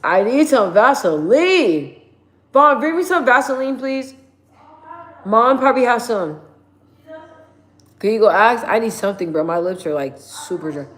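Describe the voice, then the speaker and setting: A woman's voice: on the high side, moderate pace, pauses often, a bit bright. A woman in her thirties chatting casually with viewers on a livestream from her mother's house, rambling with lots of fillers and slang. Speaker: livestream host.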